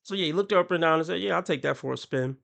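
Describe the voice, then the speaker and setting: A fairly high-pitched man with a gravelly, raspy edge runs a reaction commentary. His voice is bright and forceful, and he talks with a mocking tone. He laughs often and puts on voices to quote people. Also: racing. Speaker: commentary channel host.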